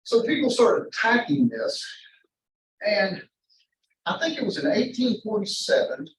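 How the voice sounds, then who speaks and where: A man giving an informal university math lecture in a rambling, halting way, often interrupting himself and drifting into asides. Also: sits high, very animated, a little hiss or hum. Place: indoor classroom. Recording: echoey lecture room, distant mic.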